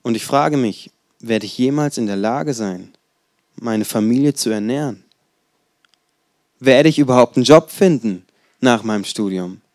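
Ein Mann in seinen Zwanzigern, der locker und erzählend predigt und dabei rhetorische Fragen stellt. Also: male voice, mid-range voice, unhurried, pauses often, a little mellow, no echo, studio quality. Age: 20s. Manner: conversational, storytelling, rhetorical questions. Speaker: preacher. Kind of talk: casual sermon.

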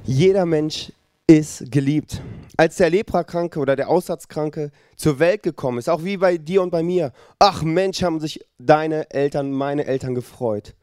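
A pastor preaching a lively sermon and speaking directly to his listeners. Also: fairly high pitch, a little slow, no echo, studio quality.

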